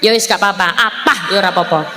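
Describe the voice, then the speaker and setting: A woman's voice: on the high side, animated, normal speed. A woman from Java with a Javanese accent, preaching a humorous sermon and joking with her audience. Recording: echoey hall with faint noise.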